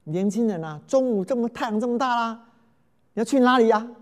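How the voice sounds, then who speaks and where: A man's voice: very high voice, animated, brisk, in a large hall, pitched above the performer's own voice. A man voicing an old monk who has trained for centuries, exclaiming in a raised voice. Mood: pleading.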